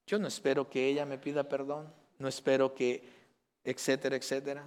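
A man from Mexico with a Mexican Spanish accent, a pastor preaching a sermon, swinging between loud emphatic lines and soft, intimate asides. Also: mid-range voice, little pitch movement, a little fast, clear, resonant tone.

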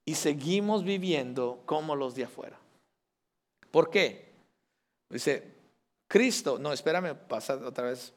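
A man from Mexico with a Mexican Spanish accent, a pastor preaching a sermon, swinging between loud emphatic lines and soft, intimate asides. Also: on the high side, animated, takes it slowly, long pauses.

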